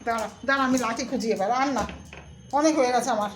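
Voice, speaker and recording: A woman's voice: fairly high pitch, fast talker, a little hiss or hum. A woman playfully scolding and coaxing her pet, with repeated exclamations and pleading. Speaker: pet owner.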